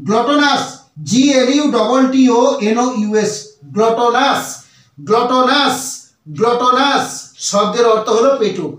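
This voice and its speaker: A man's voice: very high voice, a bit bright, recorded from a distance. A man teaches English, spelling each word out letter by letter and repeating it patiently. He sits back from the mic in a strongly echoing room. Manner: slow, repetitive, spells words letter by letter. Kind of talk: explaining translation and spelling out words.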